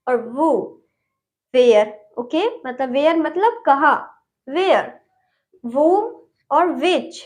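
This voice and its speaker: A woman explains an English lesson in a high, light voice. She goes slowly and patiently, saying each word twice and wrapping up each point with a quick "okay". Her tone is that of a friendly tutor talking to learners. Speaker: English teacher.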